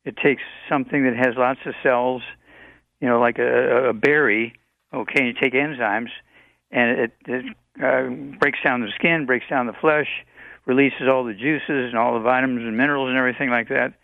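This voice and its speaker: Gravelly eighty-something man, halting advice. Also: mid-range voice, steady tone, no echo, narrow, tinny audio. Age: 80s. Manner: rambling, halting with many fillers. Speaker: health radio show guest expert. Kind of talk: call-in radio advice.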